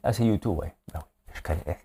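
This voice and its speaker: A man's voice: low-pitched, fairly quick, dark tone, breathy edge. A man with a Québécois accent hosting a casual news commentary, blunt and opinionated with a joking edge. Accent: Québécois French. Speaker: host of a daily news chat.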